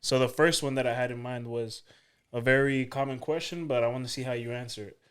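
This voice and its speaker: A man's voice: mid-range voice, steady tone, fairly quick, fairly bright tone, clean tone. A man co-hosting a podcast, asking questions in an easygoing casual chat. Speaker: podcast co-host, interviewer.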